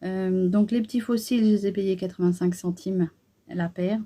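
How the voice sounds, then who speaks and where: A woman's voice: medium pitch, fairly even intonation, normal speed, dark tone. A middle-aged woman chatting casually through a beauty haul, hesitant and full of fillers. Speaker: beauty vlogger.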